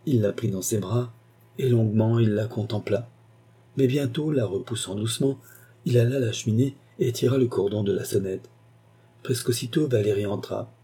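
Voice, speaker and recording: A man giving a measured, scripted audiobook narration. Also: on the low side, warm tone, slightly rough.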